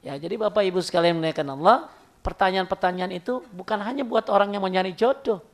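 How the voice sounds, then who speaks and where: A man's voice: high-pitched, quick pace. A man giving an informal sermon, telling stories and acting out dialogues. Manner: lively storytelling, acts out dialogues. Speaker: preacher.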